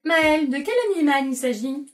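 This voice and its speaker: A woman's voice: sits high, expressive, moderate pace, far from the mic. A woman educator explains a syllable game to parents and plays it patiently with a young child, praising often. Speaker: educator presenting a learning game.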